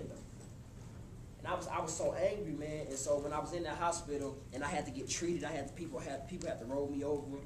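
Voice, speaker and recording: A man in his twenties giving a motivational talk to a live college audience, casual and animated, speaking straight to the crowd. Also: on the high side. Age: 20s. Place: college hall before an audience. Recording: echoey hall with room noise.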